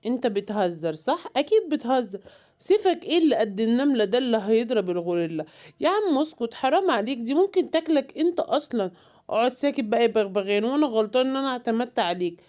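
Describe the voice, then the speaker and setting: A woman's voice: a little high, expressive, fast talker, darkish tone, close to an everyday voice. A woman voicing a cheeky young lion cub in a cartoon, with an Egyptian Arabic accent and a mocking, bossy manner.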